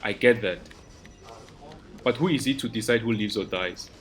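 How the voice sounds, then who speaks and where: A man's voice: lowish voice, a bit bright, close to an everyday voice. A man playing a brooding police detective. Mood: reflective. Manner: measured, reflective. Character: troubled, thoughtful male police detective.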